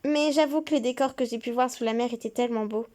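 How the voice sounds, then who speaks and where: Woman host, high voice, casual reader of game scenes. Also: fast talker, darkish tone. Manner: chatty, breaks off with asides. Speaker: let's play host. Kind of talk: reading game dialogue aloud.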